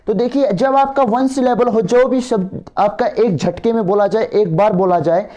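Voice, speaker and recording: Male grammar tutor, dark mellow voice, keeps asking "right?". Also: high-pitched, normal speed, muffled recording. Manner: asks students for agreement, repeats words. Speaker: teacher. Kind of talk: exam grammar lecture.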